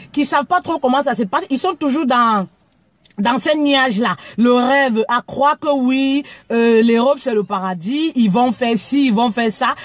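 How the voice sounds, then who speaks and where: A woman's voice: sits high, no room sound. A woman from Cameroon talking frankly in a casual live video, often stumbling and repeating words. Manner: frank, stammering repetitions. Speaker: live streamer.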